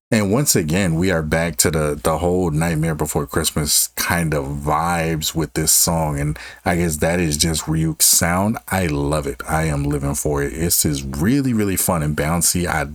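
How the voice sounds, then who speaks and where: A man's voice: a bass voice, no room sound, clean studio sound. A man giving casual reaction commentary on music as a host, drawing out words for emphasis.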